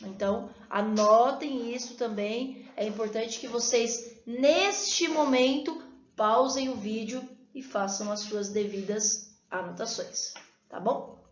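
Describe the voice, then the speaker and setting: A woman's voice: on the high side, takes it slowly. A Brazilian woman teaching a recorded video lesson, explaining rules step by step and checking in with her students after each point. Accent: Brazilian Portuguese. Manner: explanatory, frequent checking tags. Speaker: Spanish teacher. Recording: echoey room, dull lo-fi sound.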